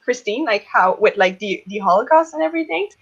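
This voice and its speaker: A woman's voice: on the high side, lively intonation, a little fast, breathy edge. Chatty woman on muffled call audio. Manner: chatty, warm, laughs often. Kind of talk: casual discussion on a video call. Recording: dull lo-fi video call audio.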